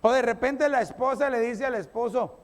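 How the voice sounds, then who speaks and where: A male pastor preaching a sermon to his congregation, animated and playful, acting out little everyday scenes. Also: very high-pitched, normal speed, long reverb tail.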